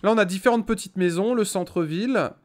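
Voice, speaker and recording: A young man with a high-sitting voice talks a little fast as he hosts casual gameplay commentary from a small indoor gaming room. He's a gaming video host, exclamatory and full of slang, speaking straight to his viewers.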